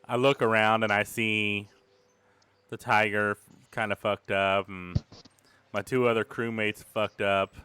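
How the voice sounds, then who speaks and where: A man's voice: lowish voice, flat delivery, a little slow, sharp tone, smooth, no echo. A man playing a tabletop game, chatting in an easygoing way and hesitating with fillers. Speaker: player. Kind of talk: casual tabletop game chat. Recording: clean, dry close mic.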